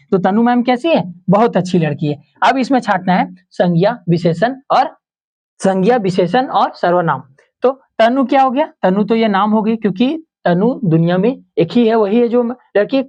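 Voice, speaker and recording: A man's voice: expressive, darkish tone, lo-fi sound. Male teacher quizzing himself aloud. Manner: asks quiz questions and answers them himself, repeats examples; slows down and drops low on key terms. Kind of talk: exam-prep Hindi grammar lesson.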